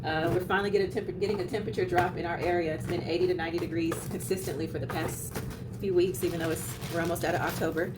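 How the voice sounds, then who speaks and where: A woman's voice: fairly low pitch, fairly even intonation, very fast. Chatty woman vlogging. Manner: chatty and effusive, talks straight to viewers. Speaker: notary vlogger. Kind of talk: casual vlog talk to camera. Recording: noisy background.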